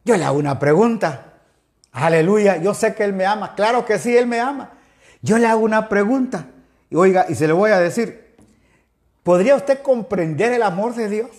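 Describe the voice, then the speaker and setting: A man's voice: high voice, expressive, normal speed. A man from Ecuador preaching a sermon, fervent and addressing listeners directly with frequent exclamations.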